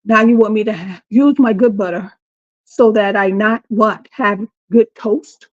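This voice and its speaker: A woman's voice: medium pitch, a little slow, darkish tone. A woman, talking casually to viewers in her home kitchen and complaining with dramatic exasperation. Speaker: home cooking vlogger. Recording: dull lo-fi audio.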